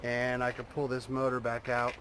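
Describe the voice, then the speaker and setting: A man talking casually and unscripted to his vlog viewers, rambling and halting as he thinks, outdoors in a driveway. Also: medium pitch, completely flat delivery, fairly bright tone, a little hiss or hum, rough recording. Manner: rambling, halting, trailing off mid-thought. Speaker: vlogger showing a truck build.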